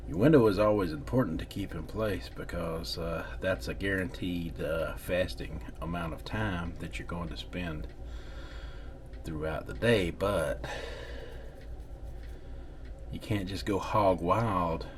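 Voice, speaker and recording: A man with a low voice chats in a folksy, rambling vlog style. The recording has clear background noise. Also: measured pace. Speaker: vlogger. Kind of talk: casual diet-progress vlog talk. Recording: clearly noisy background ambience.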